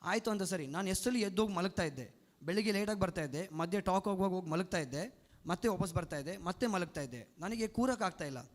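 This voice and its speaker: A man's voice: high-pitched, animated, fast. A young man giving an earnest, emotional personal testimony at a church retreat, often restarting his sentences. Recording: long hall reverb.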